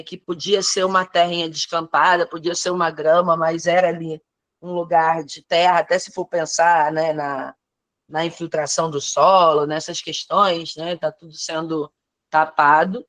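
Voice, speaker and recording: Low-voiced teacher, dry sound. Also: female voice, fairly bright tone, dry recording. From Rio de Janeiro. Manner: thoughtful, measured, frequent "né?" tags. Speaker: teacher in a training course. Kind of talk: reflective discussion on a video call.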